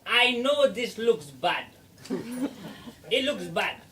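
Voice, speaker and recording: A man's voice: high voice, sing-song, takes it slowly, pushed and bright, full character voice. A man playing a bumbling, gullible brother with a laughing theatrical delivery, in a distant stage recording with background noise.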